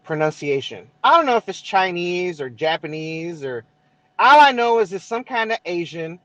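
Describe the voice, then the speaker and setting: Very animated and high-pitched, a Southern California podcast co-host with a Mexican-American East Los Angeles accent talks at normal speed in a fairly bright tone. He swears freely in the casual chat and keeps checking in with "right?" as he explains, on a dry recording.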